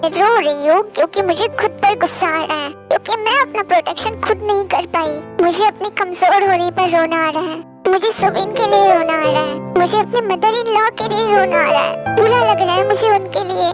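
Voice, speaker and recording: A woman's voice: very high voice, fairly quick. A woman voicing a defiant but frightened young wife who pleads and protests, in a storybook dub with music behind. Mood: pleading. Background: background music.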